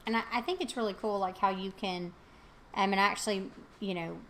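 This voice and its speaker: A woman's voice: medium pitch, a little fast, a little hiss or hum. A middle-aged woman, chatting casually and telling stories animatedly, with plenty of fillers. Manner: animated storytelling with many fillers. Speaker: host. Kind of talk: casual chat.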